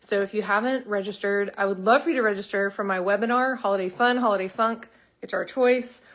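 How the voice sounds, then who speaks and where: Middle-aged woman, coach talking live to viewers; sincere, heartfelt, mid-range voice. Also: mid-range voice. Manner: heartfelt, earnest, gets choked up. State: emotional, choked up. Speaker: coach promoting a webinar. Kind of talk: live video talk to viewers.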